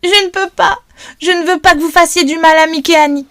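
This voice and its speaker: A woman voicing a fierce, defiant young tomboy girl with shrill, high outbursts. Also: steady tone, fairly quick, fairly bright tone, dry recording, studio quality. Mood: defiant, frantic.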